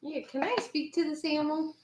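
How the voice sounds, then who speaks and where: A woman's voice: high voice, flat delivery, brisk. A woman playing a tabletop game, chatting casually with the group. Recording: echoey room, faint background noise.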